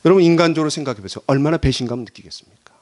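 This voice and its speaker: A man's voice: a little high, racing, darkish tone. A man preaching a Sunday sermon as pastor, dramatically acting out the voices in the quotes he tells. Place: church sanctuary.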